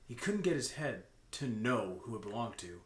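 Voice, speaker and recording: A man with a mid-range voice and moderate pace co-hosts a comedic fan fiction reading, alternating between reading aloud and casual joking banter. He is animated and often bursts into laughter, and the recording sounds roomy with faint noise.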